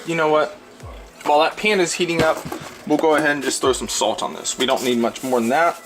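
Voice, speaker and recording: A man's voice: fairly high pitch, brisk, over music. A man hosting a casual cooking video, talking in a blunt, crude, rambling way and repeating himself. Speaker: host of a cooking show. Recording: clearly noisy, frying and stirring sounds. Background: sizzling pan, stirring, clicks.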